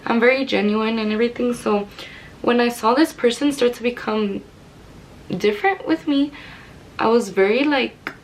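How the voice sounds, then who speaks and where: A woman's voice: a little high, normal speed, a little hiss or hum, low-quality recording. Candid young woman telling a story. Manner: candid, rambling, many "like" fillers. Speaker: vlogger. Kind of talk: personal storytelling to camera.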